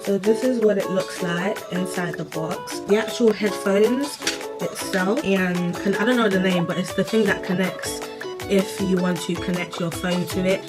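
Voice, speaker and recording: Woman, lisp, casual unboxing vlog, blunt and chatty, mid-pitched voice, music playing behind. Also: fairly even intonation, moderate pace. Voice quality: lisp from a new piercing. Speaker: vlogger.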